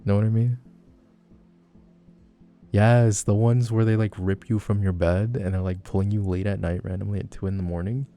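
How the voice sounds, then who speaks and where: Man playing a teasing, gravelly low-voiced flirty guy. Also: steady tone, moderate pace, pauses often, dark tone, soft background music, lightly acted. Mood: playful, rambling. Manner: teasing, playful, rambling. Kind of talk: flirty personal-attention role-play, casual chat.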